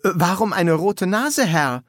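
A man's voice: high-pitched, animated, takes it slowly, fairly bright tone, no echo, studio quality, pitched above the performer's own voice, full character voice. A man voicing a nervous young woman who poses as a boy soldier, timid and eager to please, in a German audiobook.

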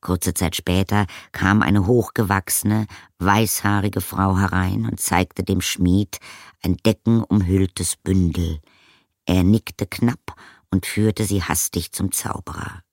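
A man narrating an audiobook in a measured, calm storytelling manner. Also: low voice, no room sound, clean studio sound. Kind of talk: scripted narration.

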